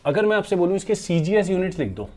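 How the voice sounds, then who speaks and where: Male physics teacher, mellow and slightly high-pitched, patient step-by-step classroom explainer who keeps questioning his students. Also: very animated, quick pace. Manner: calls students "beta" and "bachche" fondly; mixes English terms into his speech. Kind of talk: classroom lecture at a board.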